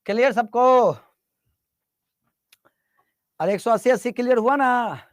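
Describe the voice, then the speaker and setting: A man's voice: very high-pitched, a little slow, no room sound, clean studio sound. A male teacher lecturing a class, repeating terms and constantly asking the students to answer back. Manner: repetitive call-and-response questioning; teasing, mixes English terms into Hindi.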